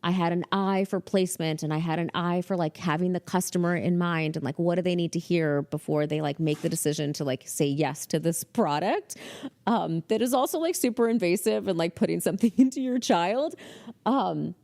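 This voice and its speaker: A woman hosting a podcast, telling a story in a casual, chatty monologue full of "like" fillers and animated quoting. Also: fairly low pitch, brisk. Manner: chatty, heavy use of "like" fillers; animated, quotes people in character. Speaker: podcast host.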